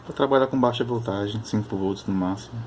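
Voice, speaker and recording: Guy at his bench, lowish voice, rambling about circuits, stops and restarts a lot. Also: a little hiss or hum. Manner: thinking aloud, halting technical explanation. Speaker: electronics hobbyist. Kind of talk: casual workbench chat.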